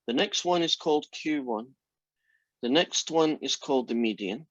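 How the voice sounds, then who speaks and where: With a mid-range, expressive voice at normal speed, a sixty-something man leads a math class over a video call. He's chatty and friendly and often asks "right?" to check understanding. The recording from his computer mic is dry, dull and lo-fi.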